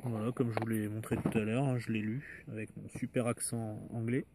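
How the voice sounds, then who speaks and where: Relaxed man showing his finds. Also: lowish voice, moderate pace, noisy background. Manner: relaxed, hesitant, many fillers and trailing asides. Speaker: metal detecting vlogger. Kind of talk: casual show-and-tell of finds.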